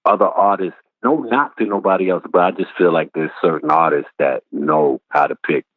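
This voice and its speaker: A man from Brooklyn, New York, speaks in a low voice at a moderate pace, chatting casually as a rapper guest in an interview. His storytelling is laid-back and full of slang. There's no echo, but the line sounds tinny, like a phone.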